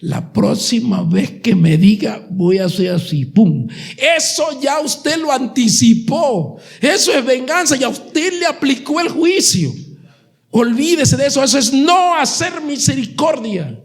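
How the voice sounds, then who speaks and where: Gravelly high-voiced preacher. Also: male voice, expressive, measured pace. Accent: Colombian Spanish. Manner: preaching with dramatic retellings and sudden raised passages. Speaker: pastor. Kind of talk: sermon.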